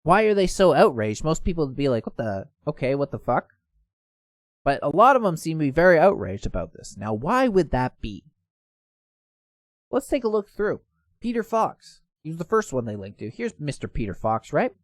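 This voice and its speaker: Animated man hosting news commentary. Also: fairly high pitch, moderate pace, dry recording, clean studio sound. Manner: casual, animated, reads posts aloud with stumbles. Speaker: host.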